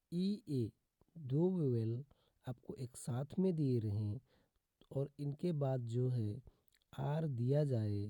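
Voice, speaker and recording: A man's voice: medium pitch, mellow, no echo. A man teaching English pronunciation in Hindi, repeating rules and drawing out example words. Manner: slow, repetitive teaching with drawn-out example words; addresses viewers as "friends" repeatedly. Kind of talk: Hindi-language phonics lesson.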